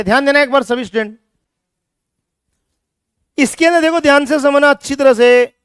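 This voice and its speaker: This is a man lecturing a chemistry class with plenty of drive. His voice sits very high and rings smooth and resonant. He keeps teasing the students with rhetorical questions, and the recording is close and dry. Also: no room sound. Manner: energetic, scolding students playfully with rhetorical questions. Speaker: chemistry teacher.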